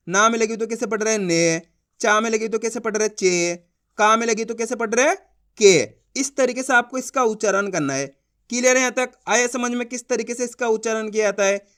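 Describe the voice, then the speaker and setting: Man slowly sounding out syllables. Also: very high voice, pushed and bright. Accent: Hindi. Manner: drawn-out, stressed syllables when sounding out words; repeats rhetorical questions to the viewer. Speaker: Hindi reading teacher. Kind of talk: step-by-step reading lesson.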